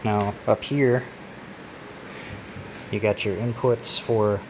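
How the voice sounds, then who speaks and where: A male reviewer with a lowish, gravelly voice gives an unscripted, hands-on walkthrough of a gadget. He halts and pauses as he handles the items, and a steady hum and background noise run underneath.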